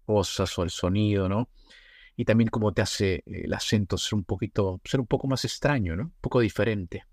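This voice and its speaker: Hosting a casual podcast interview, a man with a lowish, darkish voice talks fairly quickly, wandering and rephrasing as he goes and frequently ending with "¿no?". The recording is dry and of studio quality.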